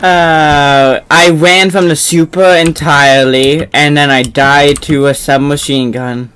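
A woman's voice: deep voice, fairly even intonation, slow, fairly bright tone, slight background noise. A woman gamer chatting casually while playing, teasing and giggly. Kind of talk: casual chat while gaming.

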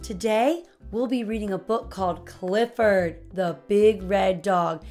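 Reading a storybook aloud to small children, an American woman in her thirties keeps her storytelling expressive and clearly paced. She has a mid-range voice and a measured pace, with faint music behind her.

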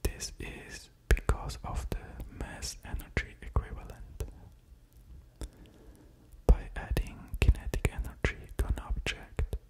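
A man in his thirties giving a whispered ASMR lecture, slow and deliberate, very close to studio microphones at the ear. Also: poor audio. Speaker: ASMR creator explaining physics. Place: small quiet room at home, indoors. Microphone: pair of studio condenser microphones with pop filters, very close.

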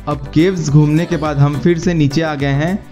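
A man narrating a travel guide in a steady, explaining way, slightly high-pitched and mellow in tone. Faint music plays under his voice-over. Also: normal speed. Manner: steady explanatory guide tone, mixing English words into Hindi. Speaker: travel vlogger. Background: faint background music.

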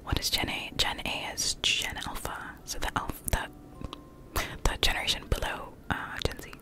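A woman's voice: moderate pace, pushed and bright. A young woman in her late teens whispering close to a studio mic in her bedroom, reading chat messages aloud and answering them in whispered live-stream chat. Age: young adult. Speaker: ASMR streamer. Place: bedroom with plush toys, indoors. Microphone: studio mic close in front.

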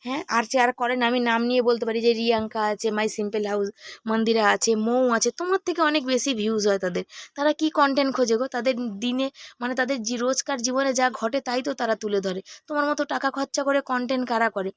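Chatty, hoarse woman vlogger. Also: a little high, quick pace, no room sound. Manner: chatty, talks to viewers while cooking. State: hoarse from a cold. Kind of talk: casual cooking vlog chat. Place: home kitchen, indoors.

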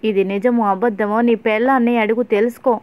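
A woman's voice: a little high, fairly even intonation, fairly quick, darkish tone, lightly acted. Woman reading as a complaining doting mother. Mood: accusing. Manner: complaining, accusing. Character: complaining middle-aged mother doting on her son. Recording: tinny phone-like audio.

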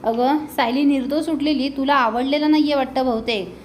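A woman's voice: high voice, a little fast, a little hiss or hum, lightly acted. A woman voicing an angry young husband who scolds his sister-in-law sharply in a family drama recap.

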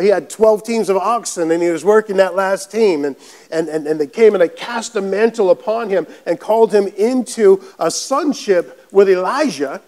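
Guy preaching, pretty high voice, lots of amens and hallelujahs, leans hard on key lines. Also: a little mellow. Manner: slows down to stress key phrases. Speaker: pastor. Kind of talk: sermon.

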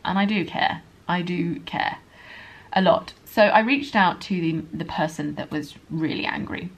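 A woman speaking in a modern received pronunciation accent with a touch of Estuary, her voice low and slightly husky. She talks quickly and earnestly to camera, explaining herself in a candid, apologetic vlog. She sounds like an English pronunciation teacher talking straight to her viewers. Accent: modern received pronunciation with a hint of Estuary.

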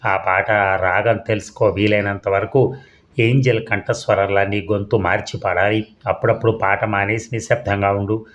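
A man voicing a cool, hushed storybook hero. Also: fairly low pitch, fairly even intonation, normal speed, highs cut off, close to an everyday voice. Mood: hushed, urgent. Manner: quiet, secretive instructions. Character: cool-headed male hero giving hushed orders.

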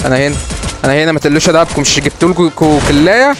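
A young man with an Egyptian Arabic accent giving excitable, teasing live commentary while he plays, his voice jumping up high when the game gets tense. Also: very fast. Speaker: gaming streamer. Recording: loud game music and gunfire behind.

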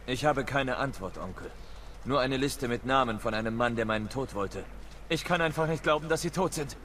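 A man's voice: medium pitch, lively intonation, fairly quick, fairly bright tone, a little hiss or hum, lightly acted. A man voicing an earnest young hero. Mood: grieving. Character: earnest grieving young male nobleman hero. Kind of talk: German game dub.

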